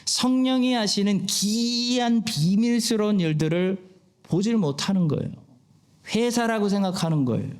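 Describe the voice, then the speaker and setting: A man's voice: high voice, moderate pace, clean tone. A man, the pastor of a church, preaching an expository sermon and asking his listeners rhetorical questions. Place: church sanctuary.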